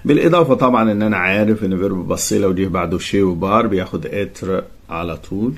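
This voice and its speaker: A man with an Egyptian Arabic accent teaching French grammar for an exam. He reads each French sentence slowly, then explains it quickly in colloquial Arabic. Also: deep voice. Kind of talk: exam-prep grammar lesson.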